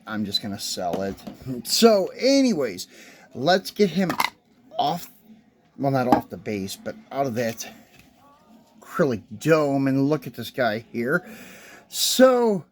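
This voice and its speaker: A man with a somewhat high-pitched voice talks through an unboxing of collectible model trucks. His delivery is loose and chatty, full of fillers and little asides. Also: darkish tone. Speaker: die-cast collector reviewing toys. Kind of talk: casual unboxing review.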